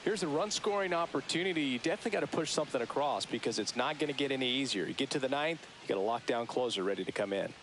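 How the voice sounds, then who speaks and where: Fast-talking baseball color commentator, played by a man. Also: mid-range voice, animated, natural voice. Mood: analytical. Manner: conversational, opinionated analysis. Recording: noisy outdoor ambience behind voice.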